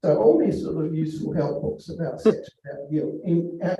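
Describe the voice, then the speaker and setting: An older man from England telling rambling standup stories about his school days, halting with many restarts. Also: on the high side, dark tone. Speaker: comedian. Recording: distant, dull, very echoey room.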